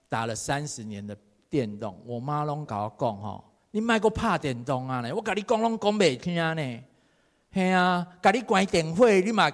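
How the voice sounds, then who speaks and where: A man preaching a sermon. He reads scripture and gives his own testimony, swinging from soft to loud and slipping into Hokkien phrases. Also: mid-range voice. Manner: mixes Taiwanese Hokkien phrases into Mandarin. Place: church hall. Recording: long hall reverb.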